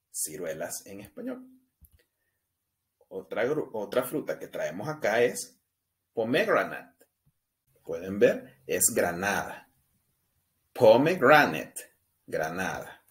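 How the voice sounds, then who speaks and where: A man with a Latin American Spanish accent gives a beginner English lesson at an unhurried pace, his fairly low voice rising and falling a great deal. He stresses each English word with care for learners to repeat and keeps checking that they follow. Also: huge pitch swings. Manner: patient, pronounces English words slowly and emphatically for repetition; often adds checking tags to the class. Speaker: English teacher. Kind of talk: language lesson with repetition drills.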